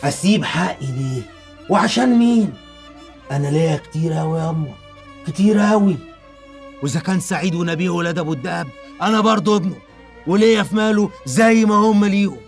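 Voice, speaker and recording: A vengeful son fresh from prison. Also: male voice, deep voice, expressive, very fast, few pauses, faint music behind. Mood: defiant. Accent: Egyptian Arabic. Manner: defiant, shouting. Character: wronged, vengeful young man just out of prison.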